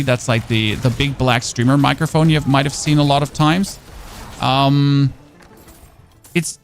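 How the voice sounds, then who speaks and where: The man streaming has a gravelly, fairly high-pitched voice, and German is his first language. Talking into a studio dynamic microphone, he chats casually while gaming, wandering off topic, answering chat, and restarting sentences a lot.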